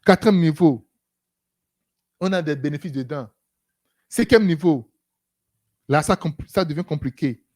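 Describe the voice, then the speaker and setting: A preacher giving an animated sermon, breaking it up with frequent hallelujahs and acted-out exchanges. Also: mid-range voice, unhurried, pauses often. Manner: animated, repeats "Alléluia", acts out dialogues.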